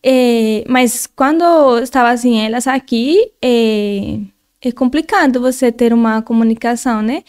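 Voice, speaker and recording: A Colombian guest with a Spanish accent speaks earnestly in a casual interview chat, often restarting her phrases. Her voice is on the high side, smooth and darkish, delivered at a measured pace.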